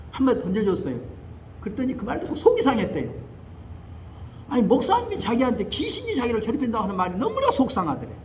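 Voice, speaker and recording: Older male pastor, high and very animated preaching voice, faint hiss behind. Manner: animated storytelling, acting out quoted voices. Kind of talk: sermon. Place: church sanctuary.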